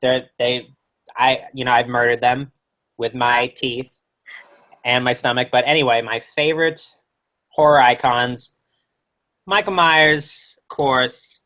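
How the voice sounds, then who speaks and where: A man's voice: medium pitch, fairly even intonation, takes it slowly, pauses often, pushed and bright. A man playing a brash male werewolf horror-host doctor, answering questions in character on a livestream with rambling, crude jokes. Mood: wry. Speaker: guest.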